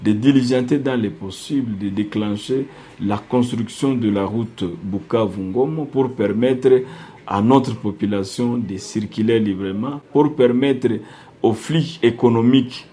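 A man's voice: medium pitch, dark tone. A man from civil society answers a news interview formally, hesitating often. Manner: formal but halting, with many hesitations.

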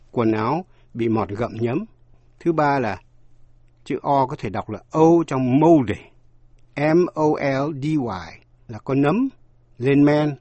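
A man teaching English pronunciation in a slow, deliberate scripted lesson, spelling out words letter by letter. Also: medium pitch, warm tone, no echo, muffled recording.

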